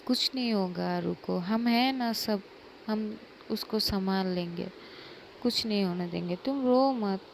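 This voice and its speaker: A gentle, reassuring mother, as a woman narrator puts her on soothes her daughter in an unhurried voice. There is a gravelly roughness to her tone. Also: medium pitch, a little hiss or hum. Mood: soothing.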